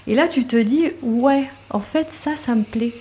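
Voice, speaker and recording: Laughing woman with a mellow voice. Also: a little high, a little slow. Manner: animated storyteller, laughs often, many fillers and restarts. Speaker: guest. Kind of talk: conversational interview.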